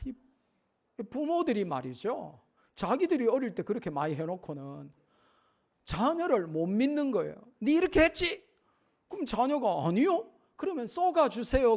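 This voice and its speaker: A man's voice: sits high, creaky, a little mellow. A middle-aged man preaching a revival sermon in a church, emphatic, often acting out short dialogues with children. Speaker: pastor. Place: church sanctuary.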